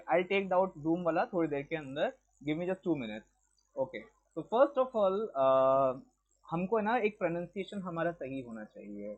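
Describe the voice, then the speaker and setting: A man's voice: fairly high pitch, a little mellow. A man teaching a class, quizzing students and switching between Hindi and English. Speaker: lecturer. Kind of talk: classroom lecture. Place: classroom with a board. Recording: dull lo-fi classroom recording.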